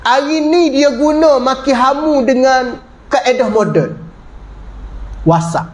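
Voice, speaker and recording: A man giving a conversational religious lecture as a teacher, often dropping his voice low for emphasis. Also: takes it slowly. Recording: echoey room.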